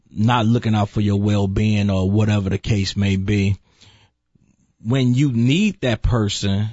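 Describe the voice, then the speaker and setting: A man's voice: on the low side, darkish tone, no room sound, muffled recording. A man co-hosting a casual talk show, joking easily and telling stories to make his points. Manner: easygoing, joking, storytelling. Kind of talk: casual opinion chat.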